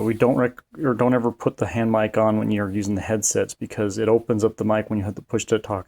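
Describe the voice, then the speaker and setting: A man with a slightly mellow, lowish voice walks through an installation step by step, keeping it casual, plain-spoken and folksy as he presents his how-to. The recording has clear background noise and the odd click.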